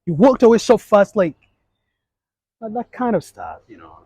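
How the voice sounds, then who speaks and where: A man's voice: high voice, normal speed, husky, no room sound. A middle-aged man from Uganda, a guest in a casual interview, telling stories animatedly and acting out what people said. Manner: animated storytelling, acts out voices.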